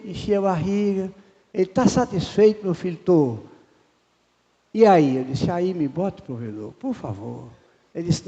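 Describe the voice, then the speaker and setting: An older man, preaching a sermon as a pastor and acting out the voices in a personal story. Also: high-pitched. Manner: animated storyteller acting out dialogue. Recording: muffled reverberant church sound.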